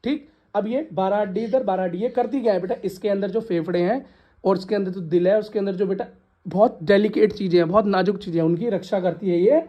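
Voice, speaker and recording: A woman science teacher runs a call-and-response lesson in a classroom full of students, repeating questions for the class to echo back. She calls students "beta" and scolds the ones who laugh. Her mid-range voice moves at a quick pace, and the sound is lo-fi.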